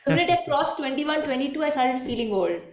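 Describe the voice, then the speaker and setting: High-voiced chatty young woman. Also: animated, fast talker, reverberant, a little hiss or hum. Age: 20s. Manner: chatty, laughs often. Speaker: chess commentator co-host. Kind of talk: casual chess commentary chat. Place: room at home.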